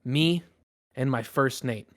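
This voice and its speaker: A man's voice: medium pitch, moderate pace, fairly bright tone, no room sound, clean studio sound, lightly acted. Fields: man doing a cruel pirate captain Arvin. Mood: commanding. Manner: barking commands, menacing. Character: cruel domineering male pirate captain and slave trader.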